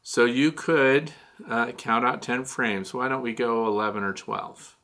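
This gravelly older man explains beekeeping in a mid-range, pushed and bright voice, unhurried and with fairly even intonation. As host of a Q&A show, he answers viewer questions in a relaxed, chatty way from a small dim studio with shelves, gesturing a lot and saying "uh" often.

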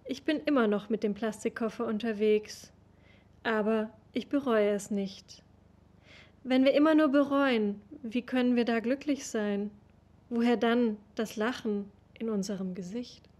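A young woman giving a slow, measured literary reading, recorded over a webcam in a room at home. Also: a little high, darkish tone. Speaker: reader of literary texts.

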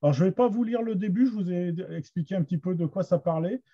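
A man's voice: high-pitched, fast talker, warm tone. A man with a Somme Picard accent teaching Picard literature in an online master class, hesitant, with many restarts and fillers. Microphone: computer mic on a video call. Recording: dull lo-fi video call audio.

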